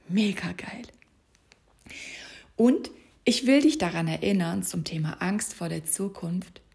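A woman giving a motivational coaching talk, speaking softly and often in a whisper as she guides the listener with gentle instructions. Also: on the low side, creaky. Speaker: life coach.

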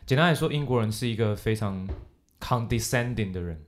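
A man's voice: lowish voice, animated, fairly quick, slight background noise. A young man chatting casually, explaining at length and mixing English words and phrases into his talk. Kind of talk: casual chat.

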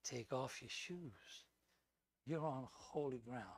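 A male preacher voicing God in a low, slow, hushed and measured way. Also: dry recording. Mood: solemn. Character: solemn commanding voice of God.

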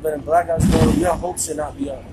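A man's voice: on the high side, steady tone, fairly quick, heavy background noise. A young man, a podcast guest, argues and teases in casual slangy banter. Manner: argumentative, teasing.

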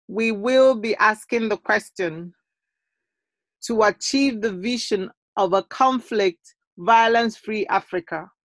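A woman hosting a podcast, giving a measured, formal, scripted introduction. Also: medium pitch, no room sound. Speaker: podcast host.

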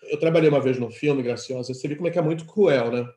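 A man with a Brazilian Portuguese accent, a film director and teacher, talking in an animated storytelling way and acting out the lines people said to him. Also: medium pitch, fast, reverberant. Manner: animated storytelling, acts out quoted dialogue. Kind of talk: conversational interview.

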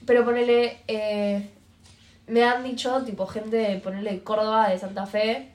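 A young woman from Argentina with a Buenos Aires accent, co-hosting a casual podcast and telling stories in a relaxed way. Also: a little high, measured pace. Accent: Buenos Aires Rioplatense Spanish. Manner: relaxed conversational storytelling. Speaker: podcast co-host. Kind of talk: casual chat. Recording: roomy echo.

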